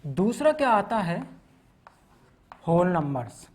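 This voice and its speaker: Taking things slowly in a high, sing-song voice, a man delivers a classroom maths lecture. He lists topics, explains them step by step, mixes in English terms, and checks in with his students often through "theek hai na."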